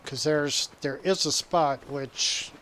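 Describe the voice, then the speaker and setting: A man's voice: fairly high pitch, steady tone, slow, fairly bright tone, slight background noise. A man from the United States streaming a game, chatting casually, chuckling and reading comments aloud. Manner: rambling, chuckling, reads chat aloud. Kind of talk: casual live-stream chat while gaming.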